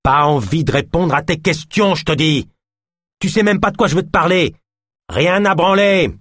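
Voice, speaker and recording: A man voicing a gaunt, hostile male fugitive who snarls and shouts threats. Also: fairly high pitch, normal speed, dry recording, studio quality, voice pushed up. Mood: snarling.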